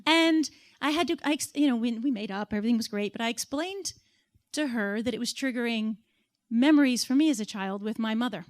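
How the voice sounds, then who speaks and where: A woman's voice: fairly high pitch, fast, a little mellow. A woman on a panel telling a candid, emotional personal story.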